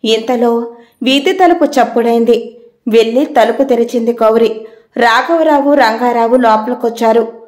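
A woman's voice: a little high, unhurried, darkish tone, roomy sound. A woman narrating a dramatic audio story in scripted style.

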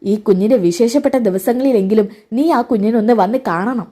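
A woman voicing a patient older father who reasons calmly and gravely with his daughter. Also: fairly high pitch, fast talker, close to an everyday voice. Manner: calm, reasoning.

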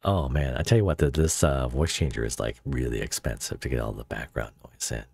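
A man talks through a voice changer that drags his voice extremely low and gives it a gravelly, husky grain. He rambles and jokes as he streams, often breaking off mid-thought. The sound is close and dry. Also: brisk, a little mellow, no echo. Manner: rambling, joking, self-interrupting. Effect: voice changer pitching the voice very deep. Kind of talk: casual livestream chat.

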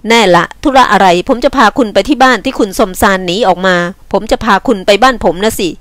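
Curt, gruff young man in a read-aloud novel, voiced by a woman reader, dry close sound. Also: on the high side, brisk, a bit bright, no room sound, natural voice. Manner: curt, scolding. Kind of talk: novel reading with voiced dialogue.

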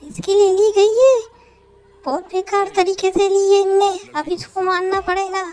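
A brash gangster don who never stops cursing and taunting. The voice is pushed into a sped-up chipmunk squeak, very high. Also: male voice, steady tone, unhurried, darkish tone. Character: swaggering foul-mouthed young male gangster don. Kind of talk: comic abusive game dub.

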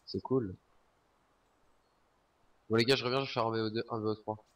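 Young man, headset gaming chat, rapid crude banter, slightly distant sound. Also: fairly low pitch, fairly even intonation, a bit bright. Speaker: gamer on voice chat.

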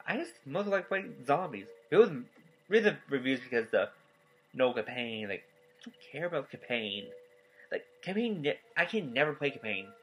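A nineteen-year-old man giving a casual, rambling vlog update, tired and yawning, talking in halting stops and restarts. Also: mid-range voice, sing-song, fairly bright tone, a little hiss or hum, poor audio. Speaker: gaming YouTuber. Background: faint game soundtrack.

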